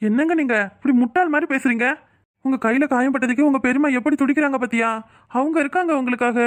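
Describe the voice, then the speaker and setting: A woman's voice: high voice, fast talker, natural voice. Woman doing a worried young cartoon man. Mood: pleading. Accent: Kanyakumari Tamil. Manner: pleading, reproachful.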